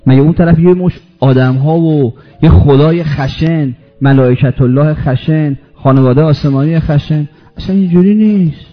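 Impassioned male preacher on lo-fi radio. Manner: rises to loud emphatic peaks, then drops low and slow. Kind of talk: religious sermon with storytelling.

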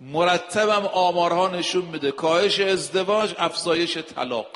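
A man's voice: high voice, fairly bright tone. Emphatic male preacher in a reverberant hall. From Iran. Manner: emphatic, rhetorical questions, quotes scripture. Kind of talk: sermon.

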